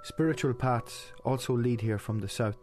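A man's voice: medium pitch, moderate pace, darkish tone. A man reading scripted documentary narration as the programme's reporter. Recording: music under narration.

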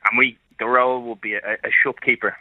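A man's voice: mid-range voice, flat delivery, fast, dry recording. A man calling in to a radio show as a business co-founder, upbeat, with many ums and restarts. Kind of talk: radio call-in chat. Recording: tinny phone line.

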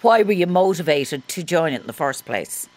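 A woman's voice: low voice, lively intonation, normal speed. An Irish woman presenting on radio and interviewing in a conversational, engaged way. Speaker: radio host. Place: radio studio.

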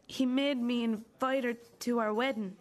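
A woman acting as a wounded, bitter adult daughter in a drama, accusing her mother in a halting, deliberate way. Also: a little high, fairly even intonation, natural voice. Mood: hurt, confiding. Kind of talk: dramatic two-hander dialogue.

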